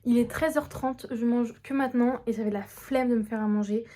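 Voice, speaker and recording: A woman's voice: on the high side, fairly even intonation, a little fast, very noisy. Young woman, casual vlogger, slangy and filler-heavy delivery. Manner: chatty, slangy, many fillers. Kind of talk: casual vlog chat to camera.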